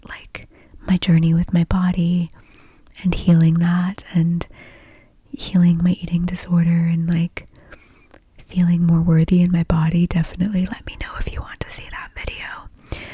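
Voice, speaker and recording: A woman whispers softly in an ASMR style, her voice very airy and mellow. Her pitch barely moves as she confides casually, drifting from thought to thought. The sound is close and dry, with a gentle, intimate delivery. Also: no room sound. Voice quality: soft, breathy whisper. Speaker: host of an ASMR podcast. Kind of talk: whispered ASMR, casual stream-of-consciousness talk.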